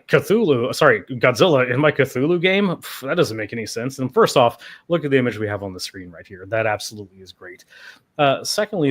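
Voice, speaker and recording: A man hosting a livestream panel, talking casually with wry, rambling asides. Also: mid-range voice. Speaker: host.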